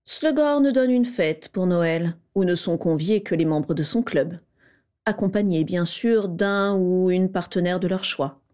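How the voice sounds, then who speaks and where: A woman reading the lines of a smug, playful teenage boy wizard in a storybook reading, in a raised, mellow voice. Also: lowish voice, a little slow, natural voice. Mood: smug teasing. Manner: playful, self-satisfied.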